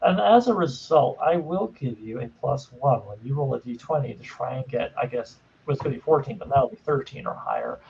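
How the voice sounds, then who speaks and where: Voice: mid-range voice, sing-song, brisk, gravelly, few pauses, a little mellow, recorded from a distance. A game master improvising tabletop game narration in a playful, digressive, casual way. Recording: dull webcam audio with some noise.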